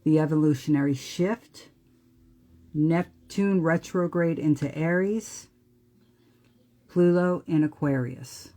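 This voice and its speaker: A woman's voice: low voice, slow pace, long pauses, warm tone. A woman with a New Jersey accent giving a live astrology talk in an earnest, emphatic way. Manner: earnest, emphatic, occasional profanity.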